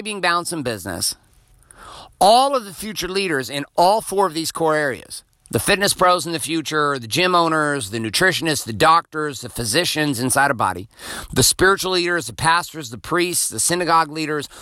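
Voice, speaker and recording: A man's voice: fairly high pitch, bright, forceful tone, no room sound, clean studio sound. A man in his forties hosting a podcast, giving a blunt, profane motivational monologue. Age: 40s. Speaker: podcast host.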